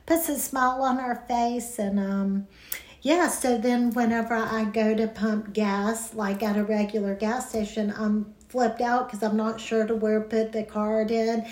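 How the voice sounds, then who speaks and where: A woman's voice: a little high, fairly even intonation, measured pace, a little mellow. A woman co-hosting a podcast, chatting casually and telling stories with frequent laughter. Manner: chatty storyteller, laughs often. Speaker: podcast co-host. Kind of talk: casual chat. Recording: roomy echo.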